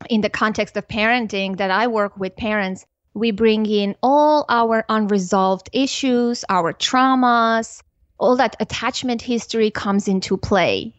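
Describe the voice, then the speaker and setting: An earnest woman, speaking as a podcast guest in a measured, thoughtful way. Her voice sits at a middling pitch and sounds a little muffled, as if recorded on a dull lo-fi line. The room is dry, with no echo. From Armenia. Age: 40s. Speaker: podcast guest, parenting educator. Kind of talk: reflective interview talk.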